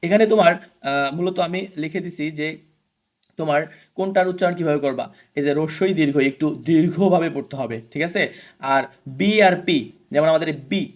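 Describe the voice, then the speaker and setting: A young male teacher with a fairly high voice gives a beginners' grammar lesson. He asks his students questions and answers them himself, and he says sounds over slowly so they can repeat them. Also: a little mellow. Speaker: English teacher.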